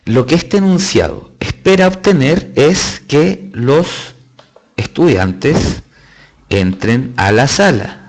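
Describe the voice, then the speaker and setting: Teaching live online, this Chilean man explains test-prep material one step at a time, stressing words emphatically and dropping in chatty asides. He speaks slowly in a mid-range voice with lively intonation.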